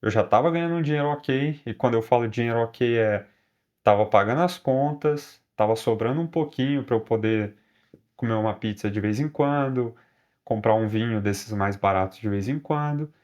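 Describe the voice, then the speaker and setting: Brazilian guy vlogging, telling a story, chatty, lots of tag questions, mid pitch. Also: moderate pace, darkish tone, dull audio. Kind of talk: casual personal storytelling.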